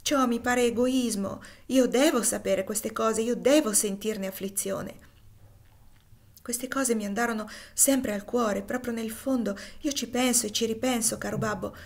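A woman voicing a frail, gentle, fevered young girl in an audiobook reading, soft and earnest. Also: a little high, steady tone, a little slow.

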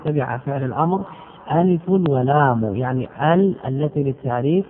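A man teaching grammar line by line, stretching out example words and putting rhetorical questions to his students. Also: mid-range voice. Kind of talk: explaining a grammar poem line by line. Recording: tinny phone-like recording.

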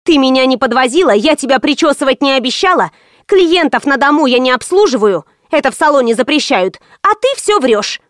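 A woman voicing a brash, sharp-tongued female hairdresser who talks quickly and scornfully. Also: sits high, lively intonation, no room sound, clean studio sound.

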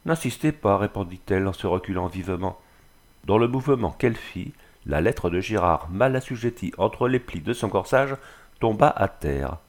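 Man, low voice, literary audiobook narration, measured, expressive.

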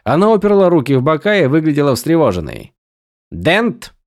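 Мужчина читает фэнтези-роман как аудиокнигу, выразительно и драматично, близко к микрофону. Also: male voice, fairly high pitch, fast talker, no room sound, studio quality. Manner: expressive, dramatic reading. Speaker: audiobook narrator. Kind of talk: scripted fantasy narration.

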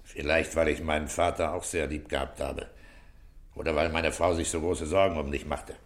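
An actor in a German radio drama portrays a middle-aged police inspector with a very deep voice at normal speed. He comes across as kindly, speaking in a calm, coaxing way that is both fatherly and shrewd.

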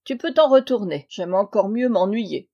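A woman reading the lines of a rich, stingy older landowner uncle in an audiobook, with a dry, gruff and teasing manner. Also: mid-range voice, lively intonation, moderate pace, highs cut off.

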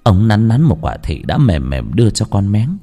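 A man narrating a ghost story with an expressive, drawn-out storyteller delivery. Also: lowish voice, soft background music.

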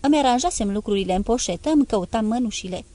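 A woman's voice: a little high, lively intonation, dark tone, dry recording. A woman reading a novel aloud in the first person, in a conversational, confiding storytelling manner. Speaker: audiobook reader.

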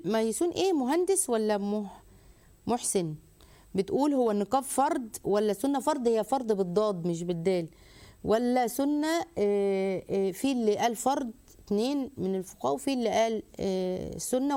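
A woman hosting a call-in advice show, lecturing briskly and acting out bits of dialogue. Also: medium pitch, mellow.

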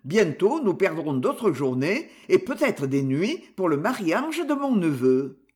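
A man's voice: high-pitched, sing-song, unhurried, darkish tone. A man voicing a boastful, scheming middle-aged village miller in an audiobook, blustering and self-assured. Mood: jeering.

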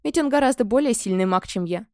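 A woman narrating a fantasy audiobook in the first person, expressive and scripted, on a close microphone. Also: fairly high pitch, quick pace, no room sound.

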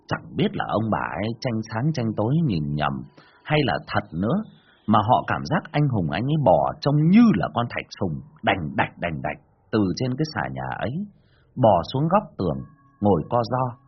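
A man narrating a ghost story in a dramatic, animated storytelling manner. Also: lowish voice, breathy edge, highs cut off.

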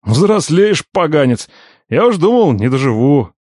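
A bossy, grumbling middle-aged uncle who barks orders and teases with a gruff edge, as a male audiobook reader puts him on. The pitch swings widely through the scolding. The voice sits dry and close, with no room around it. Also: very animated, unhurried, a little mellow, no echo. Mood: gruff fond. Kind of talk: audiobook character voice.

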